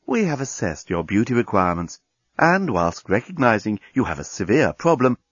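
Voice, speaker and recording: A man voicing a calm, polite machine that reassures a client. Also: on the low side, moderate pace, slightly rough, no room sound, lo-fi sound. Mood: reassuring. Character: soothing automated beauty machine voice.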